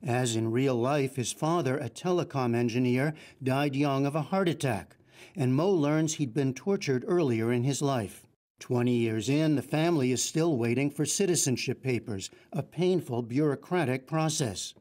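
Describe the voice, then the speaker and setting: An older male news correspondent reads a scripted feature in a measured, even way. His voice sits at a middle pitch, calm and steady. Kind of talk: scripted news narration and interviewing.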